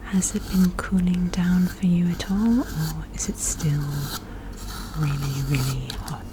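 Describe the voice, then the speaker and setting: A woman whispering softly and gently in an unhurried ASMR style, close to the microphone. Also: lowish voice. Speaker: ASMR video host. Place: indoor room with air conditioner running. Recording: clear steady background noise. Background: air conditioner noise, tapping and clicking of handled objects.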